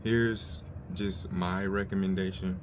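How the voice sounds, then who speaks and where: A man's voice: low voice, flat delivery, slow pace. A middle-aged man, an experienced chef, giving blunt, informal advice in a casual, sweary, unscripted rant. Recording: clear ambient background noise.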